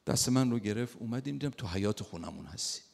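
A man with a low, gravelly voice delivers a sermon as a story, now and then breaking into loud bursts as he acts out what others said. His voice rings out with the long reverb of a large hall. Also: animated. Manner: retells a story, acting out quoted lines with sudden loud bursts. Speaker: preacher.

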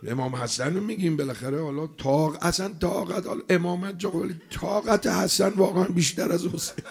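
A man preaching a mourning sermon, emotional, swinging between loud cries and hushed lines. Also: high-pitched, creaky, slightly rough.

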